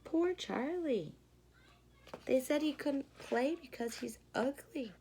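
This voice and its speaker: Taking a teacher's approach, a woman in her thirties reads a children's storybook expressively, stopping to explain and pose questions. She has a high, mellow and expressive voice, and faint background noise can be heard.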